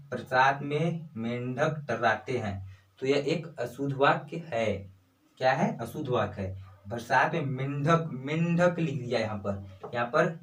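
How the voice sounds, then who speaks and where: A man's voice: mid-range voice, a bit bright, echoey room, distant mic, rough recording. Chatty young man teaching Hindi grammar. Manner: chatty, repeats and quizzes himself on examples. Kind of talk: casual online lesson.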